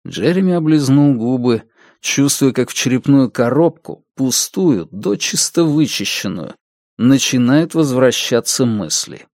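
A man reading an audiobook with measured, even storytelling narration. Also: mid-range voice, no echo, clean studio sound. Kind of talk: scripted narration.

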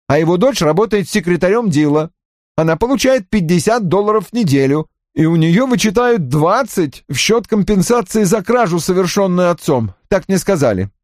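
A man's voice: high voice, no echo, clean studio sound, voice pushed up. A man reading an audiobook, voicing an eager young male assistant who reports in long-winded, overly formal sentences. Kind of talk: audiobook character voice.

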